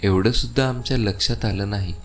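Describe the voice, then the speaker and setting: A man's voice: lowish voice, a little fast, slight background noise, close to an everyday voice. A man reading the part of a chatty neighbour who keeps blurting out remarks. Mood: gossipy.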